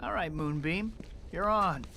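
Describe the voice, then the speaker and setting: A man's voice: fairly high pitch, a little slow, pushed and bright, slight background noise. A man playing a wry, earnest young superhero with dry quips in a video game. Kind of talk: video game cutscene acting.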